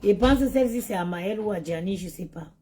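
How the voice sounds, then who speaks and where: A woman's voice: mid-range voice, fast talker, warm tone, breathy edge. A tired woman chatting to her viewers on a phone live stream, talking about motherhood and her online group. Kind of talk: casual live-stream chat.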